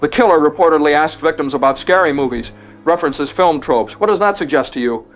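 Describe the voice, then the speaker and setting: In a drama, a man plays a composed radio host who steadily asks an expert probing questions, his mood steady and inquiring. His natural voice sits fairly high and moves a little fast. The sound is dull, lo-fi radio audio with faint music.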